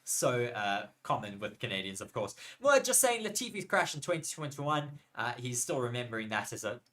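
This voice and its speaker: Male co-host for a live race stream, mid-pitched, chatty and excitable, jokes with the chat. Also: normal speed. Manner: chatty, excitable, banters with viewers. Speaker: co-host and F1 commentator. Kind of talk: live race commentary watchalong.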